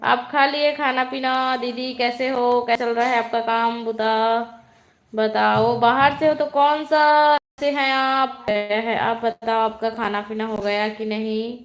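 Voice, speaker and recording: A woman's voice: on the high side, little pitch movement, slow. A woman from Chhattisgarh, hosting a casual live stream and greeting viewers by name. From Chhattisgarh, India. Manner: greets viewers by name and asks where they are from. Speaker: live-stream vlogger host.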